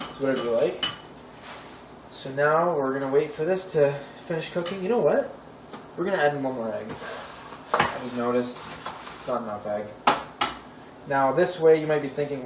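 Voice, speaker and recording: Young man, casual cooking host, wry asides, echoey kitchen, distant camera mic, noisy pots and cutlery. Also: medium pitch. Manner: offhand, chatty, wry asides. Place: home kitchen. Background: clattering pots and cutlery.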